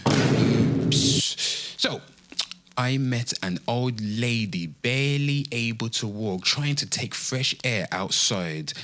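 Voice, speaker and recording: Gleefully scandalized man with a slow, forceful delivery. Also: on the low side. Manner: gleefully scandalized, reading gossip; theatrical, mock-preacher exclamations and drawn-out emphasis. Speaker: host of a confessions show. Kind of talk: comedic reading of listener confessions with commentary.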